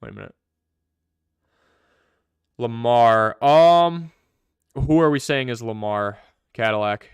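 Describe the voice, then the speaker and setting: A young man hosting a live fantasy football stream, answering viewer questions in quick, chatty commentary. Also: medium pitch, clear, resonant tone, no room sound. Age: young adult.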